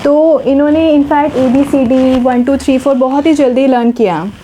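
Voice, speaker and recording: A woman's voice: high-pitched, moderate pace, warm tone, a little hiss or hum, low-quality recording. A woman in her thirties, a mother, explaining to a reporter with small hesitations. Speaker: mother of the interviewed children. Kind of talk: interview answers.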